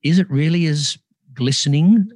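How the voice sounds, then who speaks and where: A man with an Australian accent hosting a conversational interview in a measured, courteous way. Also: fairly high pitch, darkish tone, no echo, studio quality. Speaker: podcast host.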